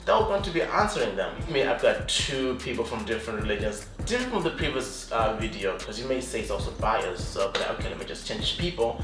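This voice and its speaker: A man's voice: mid-range voice, a little fast, few pauses. Upbeat man hosting, roomy echo. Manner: lively, jokey, laughs often. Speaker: host. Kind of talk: casual hosting and interviewing. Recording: echoey room, voice from a distance, faint music behind.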